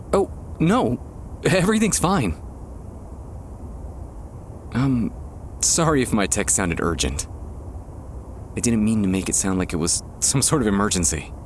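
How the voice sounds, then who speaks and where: In an intimate ASMR boyfriend roleplay, a man acts as a nervous, tender young man who is a childhood best friend, delivering a monologue over soft, faint park ambience. His lowish voice is sing-song, and he sounds apologetic and flustered. He speaks hesitantly and haltingly, letting pauses trail off.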